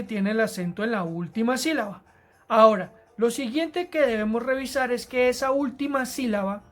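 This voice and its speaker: Patient woman teacher, slightly high voice. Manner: patient, repeats words slowly for students. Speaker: English teacher. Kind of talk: recorded grammar lesson narration.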